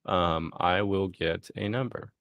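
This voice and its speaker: A man casually walking through a software demo on a live screen share, thinking aloud as he clicks and punctuating steps with "boom". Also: slow pace, gravelly, clear, resonant tone, dry recording.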